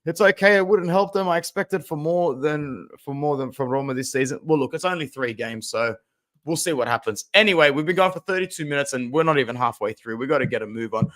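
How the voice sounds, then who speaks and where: A young man hosts a casual football stream and talks straight to his viewers. His voice sits a little high, and he swings between loud outbursts and quiet muttered asides as he reacts to highlights. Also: brisk. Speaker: football fan channel host. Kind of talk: casual live-stream commentary.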